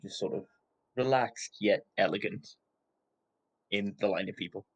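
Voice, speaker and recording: A man's voice: on the low side, unhurried, husky, poor audio. A man playing a tabletop role-playing game, casually chatting and describing what his character does.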